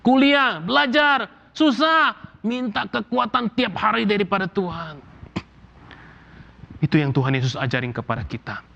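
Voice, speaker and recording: A man from Indonesia preaching a sermon as pastor, animated and casual, acting out everyday complaints. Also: sits high, normal speed, creaky, lo-fi sound, a little hiss or hum. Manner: animated, acts out quoted complaints in casual slang.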